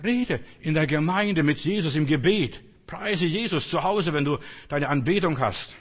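A man's voice: a little high, lively intonation, unhurried. An older man preaching a sermon, earnest and emphatic with rising outbursts. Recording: long reverb in a hall.

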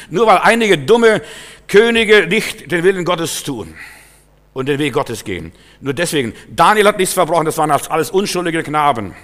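A man preaching an emphatic sermon, swinging from loud exhortation to quiet, searching questions. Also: a little high. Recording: long hall reverb.

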